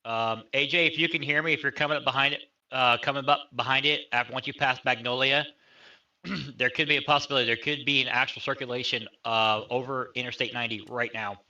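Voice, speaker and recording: A man's voice: mid-range voice, steady tone, a little fast, sharp tone. A man co-hosting live storm coverage, commenting on radar and giving urgent, clipped directions. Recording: dull, band-limited audio.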